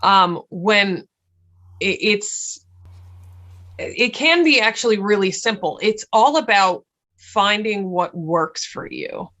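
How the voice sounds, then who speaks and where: A woman's voice: mid-range voice, expressive, slow. Reassuring woman guiding meditation talk. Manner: warm, reassuring, laughs often. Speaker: podcast host, meditation guide. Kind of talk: casual podcast chat.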